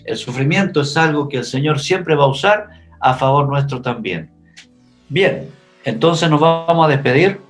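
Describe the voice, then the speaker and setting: A man's voice: fairly high pitch, moderate pace, faint music behind. A man, a pastor teaching a Bible study class, telling the story vividly as he imagines the scenes.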